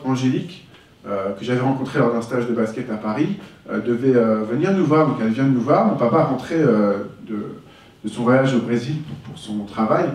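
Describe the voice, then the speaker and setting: A man giving a candid personal testimony, reflective and unhurried, at a middle pitch. He is picked up from a distance, and the room echoes heavily around him. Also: a little mellow. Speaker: speaker giving a talk.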